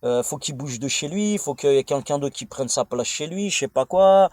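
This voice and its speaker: He sounds a little high and darkish in tone, expressive and at normal speed, on a dry recording. The speaker is a French vlogger with a French accent, an adult father of a young child, whose informal monologue rambles bluntly and crudely in slang, with many digressions and repeats.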